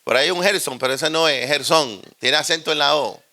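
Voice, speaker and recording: Puerto Rican male preacher, joking, tense bright tone, gravelly. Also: a little high, a little fast. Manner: animated, joking, conversational. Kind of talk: humorous storytelling sermon.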